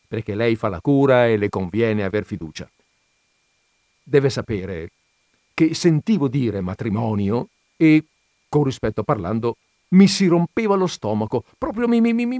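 A man's voice: lowish voice, lively intonation, unhurried, darkish tone, dry recording, clean studio sound. A man reading an audiobook, voicing a fat, jovial middle-aged man who is garrulous and boastful, chatty and confiding.

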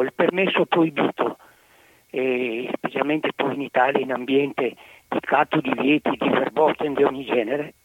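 Guy phoning into a radio show, tinny phone sound, talks careful and hedgy, kinda high voice. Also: slightly rough, no echo. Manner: careful and hedging. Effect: phone line. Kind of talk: phoned-in question to a radio guest. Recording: tinny dry phone line.

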